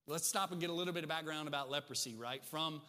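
A man preaching a sermon as a pastor, talking in a conversational, animated way that swings between hushed and emphatic. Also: a little high, quick pace. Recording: long reverb of a large hall.

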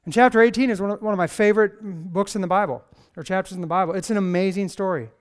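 Man, pastor, casual sermon, conversational, sarcastic, high-pitched, smooth resonant voice. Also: fast talker. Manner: conversational, sarcastic, animated storytelling with acted quotes.

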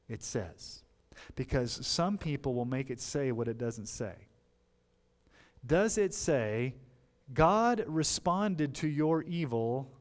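A man preaching from scripture in a mid-range voice that swings from loud, punchy emphasis to hushed asides. He asks his listeners questions and then answers them in a casual, conversational way. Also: medium pitch. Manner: animated, with big swings between loud emphasis and quiet asides. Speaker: pastor. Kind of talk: expository sermon.

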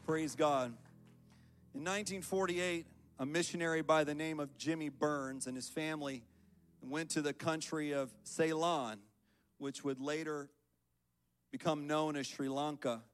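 A man's voice: on the high side, steady tone, measured pace, faint music behind. A man giving an earnest sermon as guest preacher at a church service, reading scripture and building into prayer.

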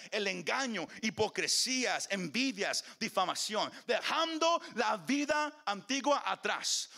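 A man's voice: high-pitched, creaky, sharp tone. A man preaching a sermon in a church, calling on the congregation and slipping into English phrases. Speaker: pastor. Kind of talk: bilingual sermon.

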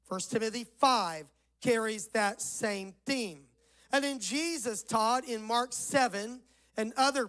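A man delivers a sermon from the pulpit, his voice rough and hollow-sounding, as though he were speaking from inside a barrel. He preaches in a measured way and slows down when he reads scripture aloud. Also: extremely high pitch, a bit bright, low-quality recording. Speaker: pastor. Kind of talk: Mother's Day sermon.

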